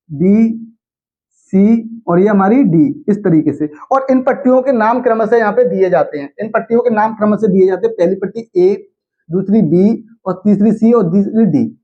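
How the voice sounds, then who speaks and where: In a classroom lecture captured on dull, lo-fi audio, a young male teacher with a high voice quizzes students by repeating each point as a question. His mnemonics come out as a slow, sing-song chant.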